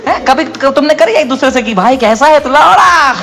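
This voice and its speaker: Animated male stand-up comic on stage. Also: normal speed. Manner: animated, swings between mock-solemn low voice and loud excited outbursts. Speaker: stand-up comedian. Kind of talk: stand-up storytelling. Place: comedy stage before a live audience. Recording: live club with loud music and crowd laughter. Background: audience laughter and music.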